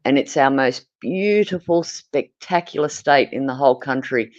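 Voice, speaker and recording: A woman's voice: a bass voice, moderate pace, a little mellow, lo-fi sound. A woman in her fifties with an Australian accent, chatting effusively as a livestream co-host and swearing casually. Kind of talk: casual chat.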